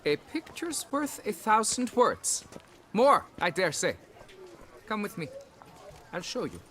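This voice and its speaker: A man's voice: sits high, very animated, slow, sharp tone, a little hiss or hum, exaggerated voice. A male actor playing a self-important, florid exhibition keeper in a video game, with theatrical delivery. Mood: proud.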